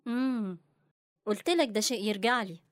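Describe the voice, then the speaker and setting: Brief: woman voicing suspicious female captor, cold and brisk, dry recording. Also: fairly high pitch, no room sound, lightly acted. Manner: cold, interrogating.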